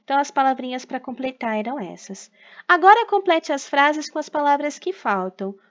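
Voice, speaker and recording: A woman's voice: high voice, sing-song, moderate pace, fairly bright tone, highs cut off. A woman teacher recording a lesson for children, explaining patiently and checking in with frequent tag questions.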